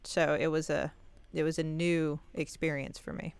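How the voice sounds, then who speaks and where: A woman co-hosts a podcast with dry, teasing asides. Her voice is smooth and clear, and it is recorded close and dry, with no room sound. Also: low-pitched, little pitch movement, moderate pace, no room sound. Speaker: podcast co-host. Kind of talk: casual chat.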